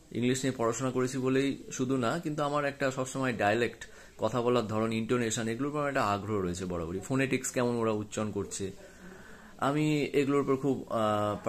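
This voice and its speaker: A film director with a mid-range voice explains his choices to the camera without a script, pausing often and using many hesitant fillers.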